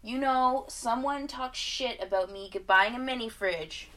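A woman's voice: a little high, measured pace, pushed and bright. A woman co-hosting a podcast in casual, sweary banter, sounding nasal and stuffed up with a cold. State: sick with a cold. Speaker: podcast co-host.

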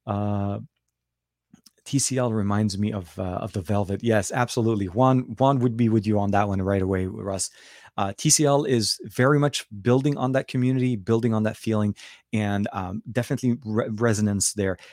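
A man's voice: on the low side, steady tone, normal speed, darkish tone, no room sound, studio quality. A middle-aged man hosting a casual tech livestream, rambling and rephrasing as he chats with viewers, his voice slightly coarse and worn from a night out. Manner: rambling, repeats and rephrases words. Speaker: tech reviewer and livestream host.

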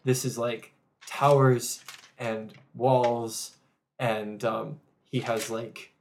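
A man's voice: mid-range voice, flat delivery, very slow, slight background noise. A man narrating a tabletop game as game master, rambling with many fillers.

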